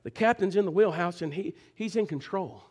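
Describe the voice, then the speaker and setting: A male pastor preaching a fervent sermon, calling out to his congregation and swinging between shouting and hushed low talk. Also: a little fast, husky. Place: church service.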